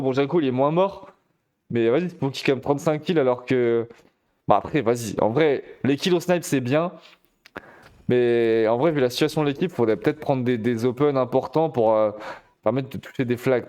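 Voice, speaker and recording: A man casting a competitive shooter match live, chatty and excitable, talking straight to his viewers. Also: medium pitch. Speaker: esports caster. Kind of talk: live game commentary.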